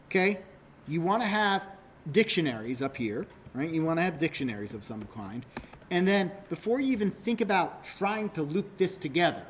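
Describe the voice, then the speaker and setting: A man's voice: fairly high pitch, a little hiss or hum. A male university lecturer giving a classroom lecture, explaining step by step, correcting himself often and checking that students follow.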